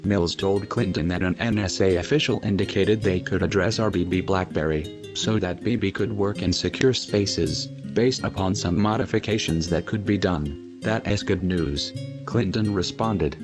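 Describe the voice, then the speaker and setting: A man reading a news report in a steady, measured way through a disguised deep voice changer. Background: music.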